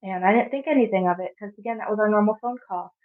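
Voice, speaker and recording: Soft-spoken young woman on a tinny line. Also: mid-range voice. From Arizona, USA. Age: 20s. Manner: soft, halting, with frequent pauses. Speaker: podcast guest. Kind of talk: personal storytelling. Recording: phone-like narrow sound.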